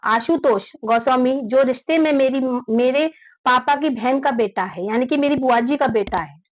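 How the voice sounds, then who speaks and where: A woman's voice: high voice, moderate pace, highs cut off. A woman being interviewed about her family, speaking earnestly and often repeating or restarting her phrases. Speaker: interviewee, daughter of the victim.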